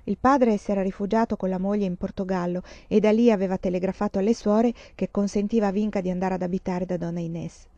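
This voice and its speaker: A woman reading a novel aloud in measured audiobook narration. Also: medium pitch, steady tone, dark tone, no echo, muffled recording. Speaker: reader.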